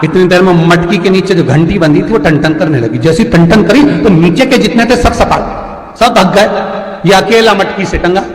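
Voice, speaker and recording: A man's voice: sits high, moderate pace. Man preaching a story in an echoey hall. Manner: animated storytelling. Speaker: religious storyteller. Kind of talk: devotional story sermon. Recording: echoey hall with faint music.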